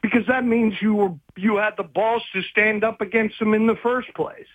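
A man with a fairly high voice rambles through a phone interview, stopping and restarting his thoughts as he goes. The sound is tinny and narrow like a phone line, and completely dry. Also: fairly even intonation, normal speed, dry recording. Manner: rambling and hesitant, many restarts. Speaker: guest investigative journalist.

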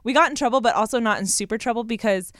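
Young adult woman, clear voice, casual storytelling, colloquial, close dry sound. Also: a little high, racing, dry recording. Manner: animated, colloquial, heavy use of "like". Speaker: podcast co-host.

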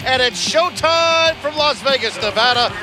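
A man calling rapid hockey play-by-play, excited and shouting on big plays. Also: very high-pitched, over music.

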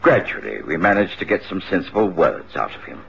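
Dr. Watson as narrator of a radio drama, with a deep, slightly husky voice that rises and falls. The recording sounds muffled. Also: male voice, very animated, brisk, fairly bright tone, heavily acted. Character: loyal doctor companion narrating.

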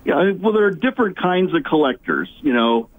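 A man's voice: on the high side, big pitch swings, brisk. A man calling in to a radio interview, chatting in a rambling way, his phone line breaking up and cutting in and out. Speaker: phone-in guest, comic book collector.

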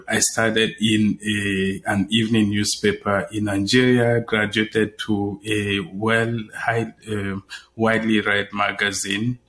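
A Cameroonian guest journalist with a lowish, slightly bright male voice speaks in a conversational interview. He's hesitant, using many fillers, restarts, and repeated words.

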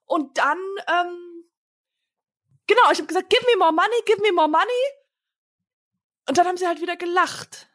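A woman playing a nervous, chatty wife who has just helped rob a bank, rambling excitably in an improvised comedy sketch. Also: very high-pitched, normal speed, pauses often. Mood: flustered.

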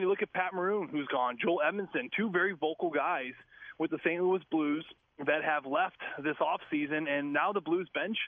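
A man's voice: fairly high pitch, no echo. A man talking as a guest analyst on sports radio, eager and full of fillers, speaking over a phone line. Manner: rapid, eager, with many fillers. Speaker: former player as guest analyst.

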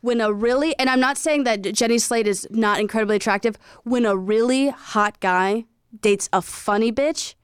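A woman's voice: on the high side, normal speed, clear, resonant tone, no echo, clean studio sound. A woman in her late twenties co-hosting a podcast, chatting animatedly and rambling with lots of "like" fillers. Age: late 20s. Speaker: podcast co-host. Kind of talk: casual chat.

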